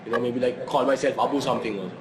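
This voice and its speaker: A man's voice: medium pitch, steady tone, very fast. A man from Saudi Arabia hosting a casual conversation, rambling with many fillers and restarts. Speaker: host. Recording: noisy background.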